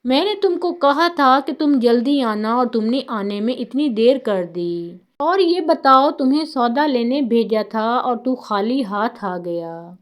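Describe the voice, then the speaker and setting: Woman voicing a stern angry father, scolding, storybook tale, high-ish voice. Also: lively intonation, hardly any pauses, natural voice. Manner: scolding, shouting.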